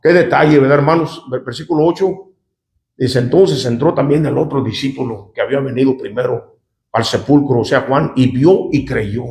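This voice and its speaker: A man's voice: mid-range voice, moderate pace, vocal fry, darkish tone, reverberant. A male pastor reads scripture and comments on it in a conversational way, often turning to the congregation with "¿verdad?". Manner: conversational, often asks the congregation "¿verdad?" and "¿cuántos dicen amén?". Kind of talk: sermon reading scripture aloud with commentary.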